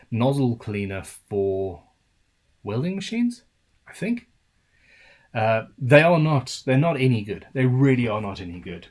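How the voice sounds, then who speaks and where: A British man hosting a casual live-stream Q&A about guitar building, reading viewer questions aloud and answering in a loose, chatty way with trailing restarts. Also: lowish voice. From United Kingdom.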